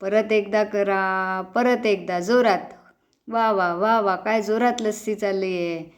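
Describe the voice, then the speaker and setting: A woman's voice: medium pitch, steady tone, slow. Exclaiming woman leading laughter yoga.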